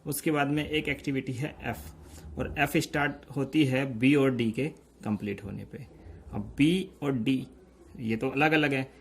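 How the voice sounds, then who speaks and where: A man giving a step-by-step lesson, explaining slowly and checking in often with his listeners. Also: medium pitch, slight background noise. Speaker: teacher. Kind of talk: step-by-step lecture.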